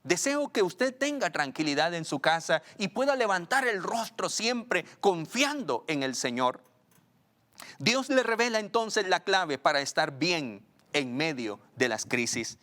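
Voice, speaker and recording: A male pastor preaching a sermon, rising on questions and slowing down to read scripture. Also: very animated. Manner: preaching, swells loud and high on questions, slows for scripture.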